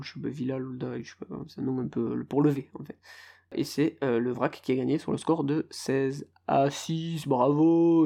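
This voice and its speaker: Gravelly French podcast host rambling. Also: male voice, medium pitch, a little mellow. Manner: rambling, self-mocking, stumbles over foreign team names. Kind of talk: casual solo podcast monologue.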